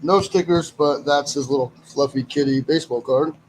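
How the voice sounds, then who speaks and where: A man's fairly high voice comes through at normal speed on a rough recording with a little hiss or hum. Hosting a silver auction live stream, he chats casually, greeting viewers and rambling through the items.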